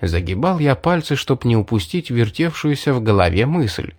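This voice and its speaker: A man reading a first-person fantasy audiobook in an even, measured narrating voice. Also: mid-range voice, dry recording, studio quality.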